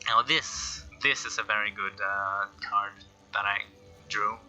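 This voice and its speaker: Very bright-voiced man commenting on a game. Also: on the low side, steady tone, a little slow, soft background music, rough recording. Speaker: gameplay commentator.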